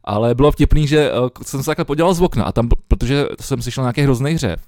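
A man's voice: medium pitch, animated, darkish tone, no echo, clean studio sound. A young man co-hosting a podcast over a remote call, chatting loosely with lots of swearing and fillers. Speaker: podcast co-host. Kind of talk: casual chat.

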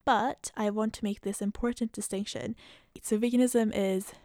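A Central European woman in her twenties, a medical student hosting a solo podcast, explains topics informally in a mostly Scottish, slightly international accent. Her medium-pitched voice is steady, moderately paced and a little mellow. The recording is dry and studio quality.

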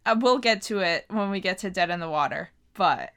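A woman's voice: medium pitch, animated, fairly quick, fairly bright tone, clean tone. A woman co-hosting a podcast, chatting casually and animatedly as she recaps a TV episode and trails off into loose paraphrase. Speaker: podcast co-host.

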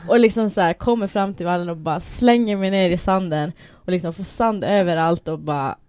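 A young woman telling animated stories in casual chat, acting out quoted shouts and laughing often. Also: fairly low pitch, clean tone, no room sound. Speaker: guest.

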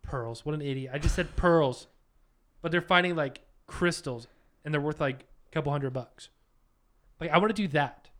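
On a casual podcast he co-hosts with his partner, a man rambles and makes jokes at his own expense. His voice is on the high side and fairly bright, at a moderate pace.

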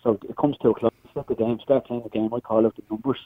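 Dublin male phone-in guest: husky, fast, even-pitched, casual and unpolished, tinny narrow line. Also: no echo. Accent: Dublin Irish. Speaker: phone-in guest, community worker.

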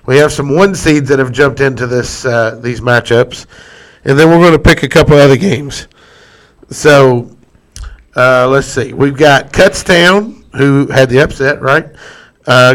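Steady man running a sports podcast. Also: medium pitch, unhurried. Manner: steady, moves the segment along. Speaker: podcast host running the picks segment. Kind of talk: casual sports chat.

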